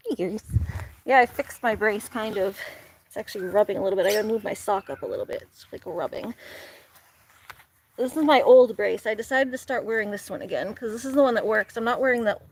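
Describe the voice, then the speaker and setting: A young woman vlogs from her farm, chatting casually to the camera as she does outdoor chores, laughing a lot and cooing at her animals. Her medium-pitched voice is brisk and slightly dark, with a little hiss or hum in the recording.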